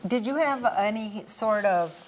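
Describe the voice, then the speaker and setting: A woman interviewing a guest, asking short questions and answering with quick reactions. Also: mid-range voice, animated, a little hiss or hum. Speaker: interviewer, club president. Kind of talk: friendly interview host.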